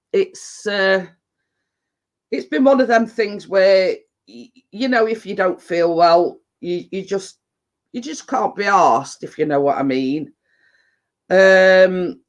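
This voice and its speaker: A man with a Yorkshire accent, chesty and bunged up with a cold, chatting casually and ramblingly to live viewers. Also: sits high. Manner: rambling, dialect-heavy. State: getting over a cold and chest infection. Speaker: livestream host.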